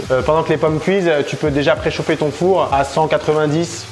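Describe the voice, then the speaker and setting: A man's voice: a little high, steady tone, normal speed, faint music behind. Playful man, chatty cooking vlogger. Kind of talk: casual cooking tutorial.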